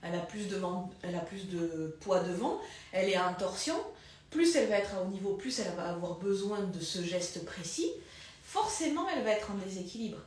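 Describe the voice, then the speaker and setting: A woman's voice: medium pitch, lively intonation, moderate pace, a little mellow, slight background noise. Woman physio explaining stuff live, chatty, drifts off topic then comes back, roomy echo. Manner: conversational, loses her thread and picks it up again. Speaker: pelvic floor physiotherapist. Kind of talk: live video lesson with demonstrations. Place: room, moving around while demonstrating.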